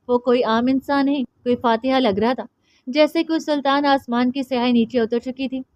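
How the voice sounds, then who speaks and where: Brief: woman audiobook narrator, expressive dramatic reading, high voice, slightly dull dry recording. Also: no echo. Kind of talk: scripted novel narration.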